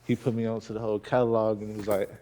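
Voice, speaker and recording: A man from Chicago talks loosely in an interview, his voice dark and mellow and sitting fairly low. He leans on slang and lets his sentences trail off into murmurs. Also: flat delivery, racing. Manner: laid-back slang, trails into mumbles, repeats "you feel me". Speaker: rapper and producer, guest. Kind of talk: casual interview chat.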